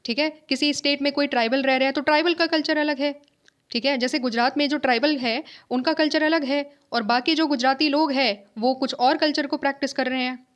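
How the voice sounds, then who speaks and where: A woman with a high voice teaches a lesson. She explains by posing questions and answering them herself, repeating key ideas. She keeps checking that her listeners are following. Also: steady tone, a little fast. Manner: mixes in English phrases, checks understanding with tag questions. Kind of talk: classroom lecture.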